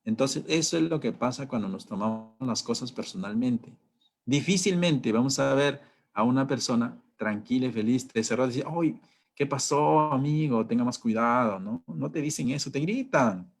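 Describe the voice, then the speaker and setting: A man leads a training session in a relaxed, conversational way. He keeps checking in with his listeners through rhetorical questions. Every so often he acts out an angry driver shouting. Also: mid-range voice, normal speed, vocal fry, slightly rough. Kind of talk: training talk.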